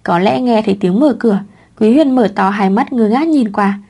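Mellow woman narrating an audiobook. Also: a little high, moderate pace, slightly rough. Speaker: story narrator.

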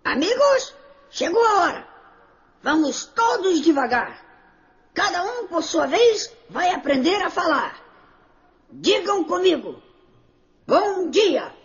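A woman's voice: very high-pitched, big pitch swings, takes it slowly, long pauses, heavily acted. A woman voicing a chatty, eager little male parrot teacher in a storybook tale, talking in a sing-song, exclamatory way. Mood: teacherly. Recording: dull lo-fi audio.

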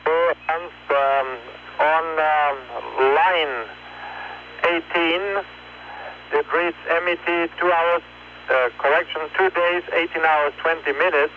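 A male ground controller dictating message corrections step by step in a halting, procedural way over a space mission radio link. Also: a little high, steady tone. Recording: tinny narrowband space radio, hum, noise.

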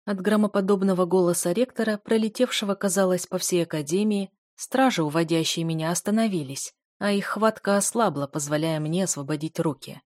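A woman narrating a fantasy novel in first person, with steady and expressive storytelling. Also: lowish voice, a little fast, few pauses, no room sound, clean studio sound. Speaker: audiobook narrator.

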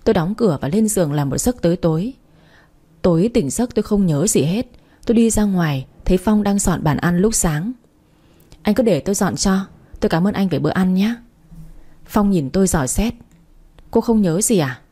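A woman's voice: medium pitch, lively intonation, normal speed, long pauses, dark tone, breathy edge. A woman narrating a first-person story and reading every part herself.

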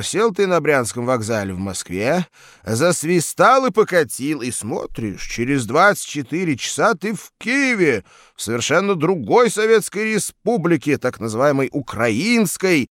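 A man voicing a pompous, blustering lecturer who hems with drawn-out fillers. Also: mid-range voice, no room sound, clean studio sound, pitched above the performer's own voice. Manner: hemming with drawn-out "uh" fillers, bossy. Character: pompous blustering male lecturer, middle-aged.

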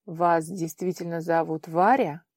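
A woman's voice: mid-range voice, unhurried, dark tone, no room sound, studio quality, lightly acted. A woman voicing a young man who speaks formally and questioningly, in an audiobook. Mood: puzzled, polite. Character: young man, puzzled, then stern.

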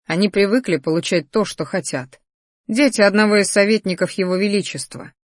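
A woman's voice: mid-range voice, brisk, no room sound, studio quality, lightly acted. A woman voicing a friendly young male battle-mage student who earnestly warns a friend in a fantasy audiobook.

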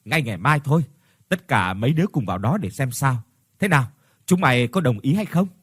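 A man's voice: medium pitch, animated, fairly quick, fairly bright tone, breathy edge, no echo, studio quality. A man doing an eager young leader. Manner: eager, persuasive.

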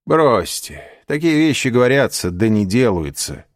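A man voices a cunning, envious schemer whose speech is cool, ironic, sly and needling. His mid-range delivery is very animated at a moderate pace, pitched above his own voice yet close to an everyday one. The recording is dry and studio-clean.

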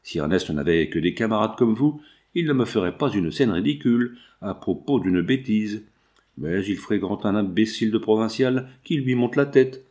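A man's voice: on the low side, lively intonation, moderate pace, a little mellow, close to an everyday voice. A man reading aloud, putting on the voice of a bold, cheeky red-haired young showgirl who scolds and teases. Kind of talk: audiobook reading.

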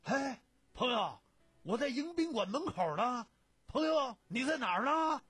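A man reading a story aloud, voicing a boisterous middle-aged man who shouts excitedly down the phone. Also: very high-pitched, unhurried, slightly rough, no echo, soft background music, voice pushed up, exaggerated voice. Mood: loud, insistent.

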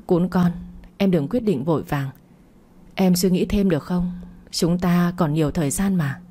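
A woman's voice: on the low side, normal speed, warm tone, close to an everyday voice. A woman reading as a pleading young man. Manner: pleading, persistent. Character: young man pleading with his childhood friend.

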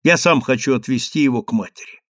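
A man voicing a calm, authoritative sultan who gives measured orders. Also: mid-range voice, no echo, clean studio sound, close to an everyday voice.

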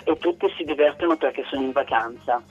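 A man's voice: medium pitch, fast, slightly rough, faint music behind. Hesitant man on a muffled line. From Italy. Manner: hesitant, many fillers. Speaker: tour guide and historian.

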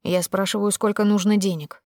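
A woman's voice: mid-range voice, fairly quick, no echo, clean studio sound, natural voice. A woman voicing a cold, commanding young man. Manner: flat, curt, commanding. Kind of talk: audiobook character voicing.

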